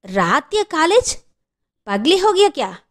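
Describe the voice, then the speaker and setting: Kindly old Gurkha guard, put on by a woman narrator, fatherly, mixing broken Hindi, pitched high. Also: sing-song, unhurried. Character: elderly male Gurkha watchman, kindly and fussy.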